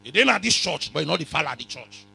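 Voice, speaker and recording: A man with a West African accent preaching a sermon in a raspy voice, forcefully repeating phrases and questioning his congregation, sometimes in pidgin. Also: fairly high pitch, very animated, fast, soft background music. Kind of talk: animated sermon, code-switching into pidgin. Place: church hall full of congregation.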